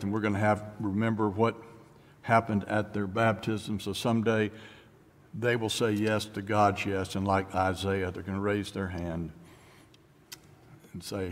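Halting low-voiced pastor in a reverberant church. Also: male voice. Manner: halting, with frequent restarts and soft trailing endings. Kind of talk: sermon. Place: church sanctuary.

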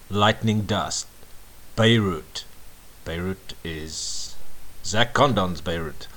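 A man with a low voice hosts a pirate radio music show. He speaks slowly and deliberately, stretching his words like a showy late broadcast announcer. The delivery is DJ patter, introducing and linking records. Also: fairly bright tone, rough recording.

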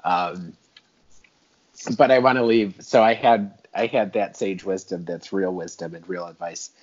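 A man chatting as a podcast guest, with dry, deadpan joking. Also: low-pitched, a little slow, lo-fi sound. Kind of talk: casual chat.

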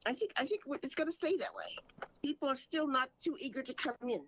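A woman's voice: high-pitched, expressive, fairly quick, lo-fi sound, a little hiss or hum. A woman who owns a pharmacy, answering interview questions in a direct, plain way. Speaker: pharmacy owner, guest.

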